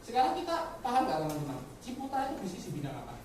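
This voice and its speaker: Racing along with huge pitch swings in her lowish voice, a woman delivers a motivational business speech to colleagues, peppering it with English words and direct rhetorical questions. It's captured on a distant mic in a very echoey room with faint noise.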